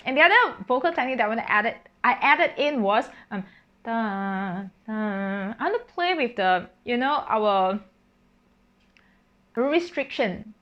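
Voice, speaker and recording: Her voice sits a little high and sounds animated at a normal speed as this singer-composer chats about writing her piece. She thinks out loud, using fillers and correcting herself, and now and then sings solfège syllables. The recording's highs are cut off.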